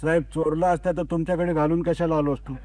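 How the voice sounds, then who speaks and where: A man doing a deadpan, unflappable washerman. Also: on the high side, quick pace, natural voice. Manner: calm, deadpan, unbothered. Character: unflappable cheeky male washerman, middle-aged.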